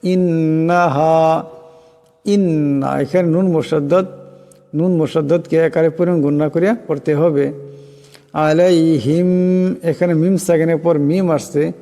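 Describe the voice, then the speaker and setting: Man teaching Quran recitation, slow melodic chanting, fairly high mellow voice, long reverb tail. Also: steady tone. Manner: chants verses slowly and melodically, then explains pronunciation rules quickly. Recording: long reverb with faint music.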